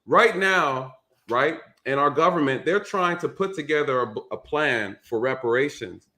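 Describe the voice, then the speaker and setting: A bright, forceful mid-range male voice with lively intonation hosts a casual call-in live stream at a moderate pace. He speaks emphatically, restating his points in a repetitive preaching rhythm.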